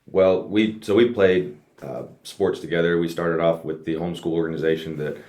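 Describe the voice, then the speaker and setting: A US-raised race car driver, speaking in a low, slightly mellow voice at a moderate pace with fairly even intonation, earnestly tells his story. He's a guest on a casual podcast interview, and the recording has a roomy echo.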